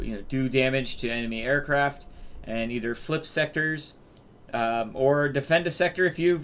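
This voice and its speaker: A man's voice: medium pitch, a bit bright, clean tone. A man hosting a flight-game video, giving casual, rambling commentary full of fillers and restarts. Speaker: gaming video host.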